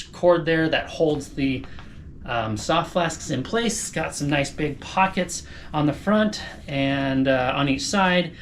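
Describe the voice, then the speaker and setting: A man's voice: medium pitch, a bit bright, a little hiss or hum. A man talking casually to camera as a running vlogger, explaining things informally and thinking aloud. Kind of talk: casual vlog talk to camera.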